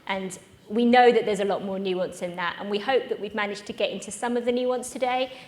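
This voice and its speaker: A woman's voice: medium pitch, steady tone, fairly quick, a little mellow. A woman hosting a live conference session, chatty and self-mocking. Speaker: event host. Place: conference room with live audience.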